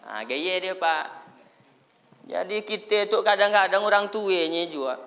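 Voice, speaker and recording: A man preaching a lively sermon, acting out crying children and fussing parents. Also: sits high, a little slow, big-room sound, slight background noise. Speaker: Islamic preacher.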